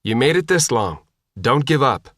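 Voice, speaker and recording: A man voicing a steady male soldier who talks in a calm, reassuring, quick way to a survivor. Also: medium pitch, dry recording, clean studio sound. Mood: encouraging.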